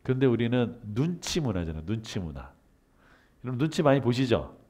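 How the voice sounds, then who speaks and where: A man's voice: mid-range voice, fairly quick. Korean guy giving a lecture, voice swings up and down a lot, answers his own questions. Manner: asks questions and answers them himself; acts out everyday dialogue in lively voices. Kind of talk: humanities lecture.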